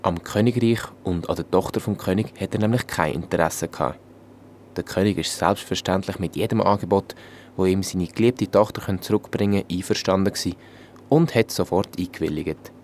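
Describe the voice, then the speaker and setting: A man with a Swiss German accent telling a fairy tale in a calm, even manner. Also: deep voice, fairly quick, slight background noise. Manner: calm, even storytelling in dialect. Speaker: storyteller.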